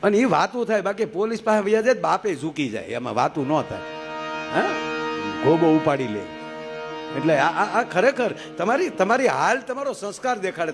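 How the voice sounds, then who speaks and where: A man telling folk stories on stage, lively and joking, switching between voices. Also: sits high. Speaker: folk storyteller. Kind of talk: live humorous folk storytelling.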